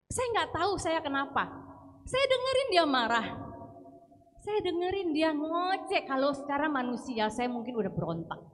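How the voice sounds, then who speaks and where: A woman telling a personal faith testimony, earnest and storytelling, moving between soft and lively passages. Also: high voice, breathy edge. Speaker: testimony speaker at prayer meeting.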